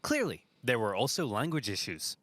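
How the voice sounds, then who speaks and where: A man's voice: mid-range voice, sing-song, moderate pace, over music. A man giving a scripted, comedic narration of history, as the narrator of a video.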